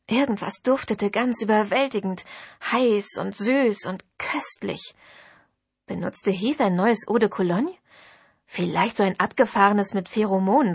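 A woman's voice: medium pitch, breathy edge, no echo. A woman narrating a first-person novel in an intimate storytelling manner. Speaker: audiobook narrator.

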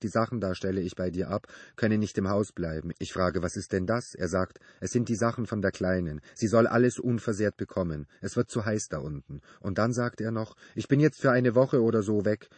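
A man voicing an easygoing male mechanic who talks in a relaxed, offhand colloquial way. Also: fairly low pitch, husky, no echo. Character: laid-back male mechanic, easygoing and matter-of-fact.

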